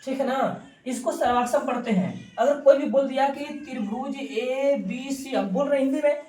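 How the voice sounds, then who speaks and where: A woman's voice: high-pitched, moderate pace, dark tone. A woman teaching a maths class, repeating key terms and quizzing her students. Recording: roomy classroom from a distance.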